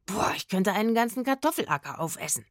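A woman's voice: medium pitch, expressive, quick pace, no room sound, studio quality, lightly acted. A woman doing a cheeky, whiny young vagabond man. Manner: loud, whiny and theatrical. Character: cheeky, grumpy, always-hungry young male vagabond trombonist.

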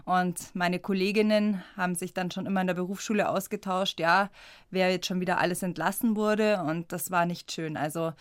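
A woman's voice: on the low side, fairly even intonation, normal speed, no room sound, clean studio sound. A woman from the Munich area, a guest in a radio interview, telling her story in a chatty way and laughing often. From Munich area, Germany. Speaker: guest, squirrel rescuer.

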